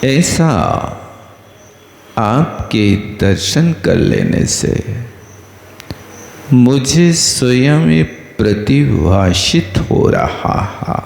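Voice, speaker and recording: A Jain monk giving a sermon, slowly explaining a Sanskrit hymn word by word and putting questions to his listeners. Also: mid-range voice, big pitch swings, gravelly, a little mellow. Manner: slow and deliberate, teaching word by word with questions. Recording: echoey hall with long reverb.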